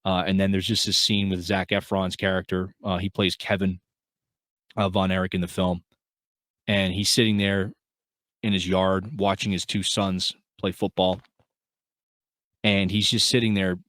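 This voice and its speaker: A man's voice: low voice, flat delivery, normal speed, pauses often, a bit bright, no room sound. A man co-hosting a film podcast, talking in an earnest, rambling way with lots of fillers and restarts. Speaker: podcast co-host. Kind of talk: casual film review chat.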